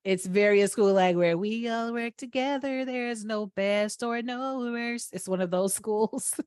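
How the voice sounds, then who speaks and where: A podcast co-host from Atlanta, USA, talks in casual chat with a Southern accent, playful and laughing while she explains things through examples. Her voice sits on the high side with a darkish, smooth tone and a measured pace, recorded at studio quality with no echo.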